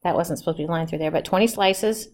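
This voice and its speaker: A woman's voice: on the low side, fast, a little mellow. A woman teaching a general chemistry class in a lecture, chatty and asking her students questions as she goes. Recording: echoey classroom recording.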